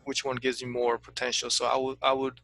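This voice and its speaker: A man with a medium-pitched, gravelly, slightly bright voice speaks a little fast in a completely flat delivery, with no echo. He's coaching an insurance agent in a casual consulting chat, eager and full of restarts. He repeats words as he starts sentences and says "to be honest with you."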